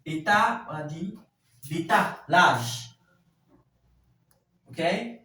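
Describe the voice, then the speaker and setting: A man teaching a language class, explaining exercises slowly and deliberately, step by step. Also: fairly high pitch, expressive, bright, forceful tone. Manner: slow, deliberate, spelling out each step. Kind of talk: classroom instruction. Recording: echoey room from a distance, faint hiss.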